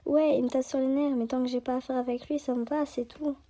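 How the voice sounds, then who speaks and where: Give me a grumpy, dismissive schoolboy, read by a woman in a high voice. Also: steady tone, quick pace, mellow, close to an everyday voice. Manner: curt and dismissive. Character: grumpy, aloof teenage boy at school.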